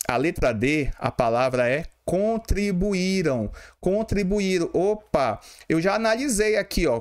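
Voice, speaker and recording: Brazilian male exam-prep teacher, voice a bit high, spells out syllables for the class. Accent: Brazilian Portuguese. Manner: talks to students directly, asks and answers his own questions, syllable by syllable. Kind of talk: explaining exam questions.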